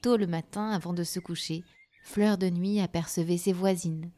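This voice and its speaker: A woman narrating a children's story, gentle and soft, sometimes dropping to a whisper. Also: fairly low pitch, steady tone, moderate pace.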